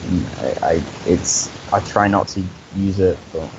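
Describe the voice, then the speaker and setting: A man's voice: low voice, fairly even intonation, measured pace. A young man on a live stream, talking earnestly and profanely, stammering through restarts. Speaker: co-host. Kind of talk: casual chat on a live stream. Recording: dull lo-fi mic with hiss.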